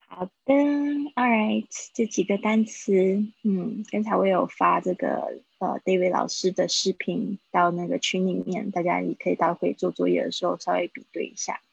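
A woman's voice: lowish voice, steady tone, vocal fry, breathy edge, dry recording. Woman teaching English vocabulary live. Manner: explains slowly, repeats words for pronunciation. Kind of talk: live online vocabulary lesson. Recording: dull, dry livestream audio.

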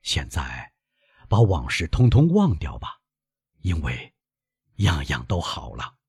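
A man playing a frail old father, soft and low, husky, weak, dry close sound. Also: sing-song, measured pace, dry recording, full character voice. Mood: gentle. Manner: weak, soft-spoken, sometimes whispered. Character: frail, gentle old father, poor and self-denying. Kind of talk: audiobook reading.

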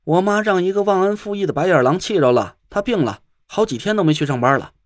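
A man's voice: high-pitched, animated, fast, dry recording, clean studio sound. A man voicing a temperamental young woman who talks curtly and indignantly. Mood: cold.

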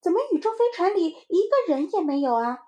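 A woman voicing a little boy who doubts his friend, with a high excited child voice and a teasing manner. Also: fairly quick, lo-fi sound.

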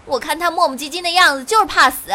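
Woman doing a huffy dramatic girl on a rooftop, high bright voice, keeps egging people on. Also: fast talker. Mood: complaining. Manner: petulant, provoking. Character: dramatic young woman set on jumping. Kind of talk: comic audio drama.

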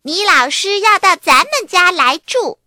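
A woman's voice: extremely high pitch, big pitch swings, measured pace, bright, forceful tone, dry recording, clean studio sound, voice pushed up, heavily acted. A woman voicing a cheeky little girl aardvark who teases her older brother in a sing-song way.

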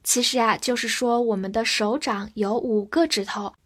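A young woman teaching English vocabulary, speaking clearly and spelling words out letter by letter. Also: on the high side, steady tone, normal speed, a bit bright. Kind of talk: vocabulary lesson.

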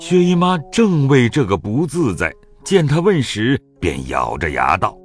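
A man narrating a classic story in an audio drama with a lively storytelling manner. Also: mid-range voice, a little slow, faint music behind.

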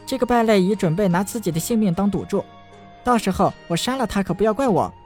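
A proud young sorceress who is beside herself with rage, her voice pushed high and shrill, as a male narrator puts her on. She hurls threats in quick, seething bursts, a storybook heroine with a fierce temper. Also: lively intonation, a little mellow, faint music behind. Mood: threatening. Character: proud furious young female genius mage.

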